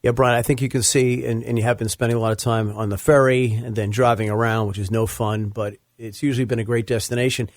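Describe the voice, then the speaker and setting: A man's voice: medium pitch, level tone, fast talker, few pauses, no echo. A man hosting a podcast, reading sponsor thanks and introducing a guest in a chatty way, with frequent fillers. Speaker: podcast host. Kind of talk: casual podcast talk.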